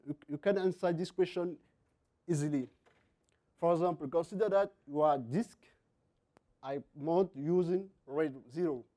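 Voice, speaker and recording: A man from Cameroon with a French-Cameroonian accent gives a technical conference presentation in halting non-native English, sometimes repeating words. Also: fairly high pitch, mellow. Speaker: conference speaker, software engineer.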